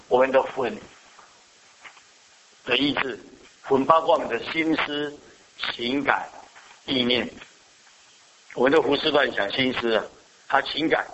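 Male pastor, bright voice, question-and-answer sermon, muffled lo-fi recording. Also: mid-range voice, slight background noise. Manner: asks the congregation questions and answers them.

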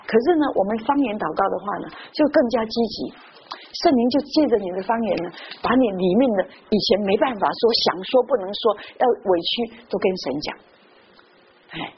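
A woman preaching a sermon, telling personal stories in a lively way full of interjections. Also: medium pitch, fairly quick. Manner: lively storytelling with frequent interjections. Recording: muffled lo-fi recording with faint noise.

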